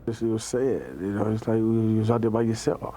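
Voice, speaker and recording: A man's voice: on the low side, moderate pace, warm tone, slight background noise. A man, a police officer, recalling things conversationally in an interview. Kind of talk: conversational recollection.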